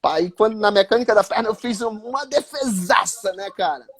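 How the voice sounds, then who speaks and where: Ex-goalkeeper, high voice, chatty anecdote-teller. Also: male voice, normal speed, husky. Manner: lively anecdotal, with many fillers like "né, cara". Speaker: former futsal goalkeeper telling a story. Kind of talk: casual live-stream storytelling.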